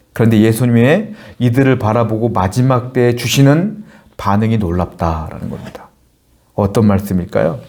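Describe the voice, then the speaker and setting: A male pastor preaching in a steady mid-range voice, earnest and direct. He puts questions to the congregation and answers them himself, and he reads scripture aloud with the quoted lines acted out. The voice sits at an ordinary pitch for a man. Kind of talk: sermon.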